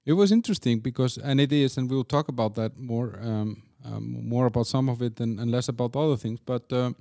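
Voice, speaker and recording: A man's voice: mid-range voice, brisk, creaky, warm tone, dry recording, clean studio sound. A man hosting a podcast interview, asking his guest questions in a loose, rambling way. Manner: rambling, with many fillers and restarts. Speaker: podcast host. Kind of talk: casual interview.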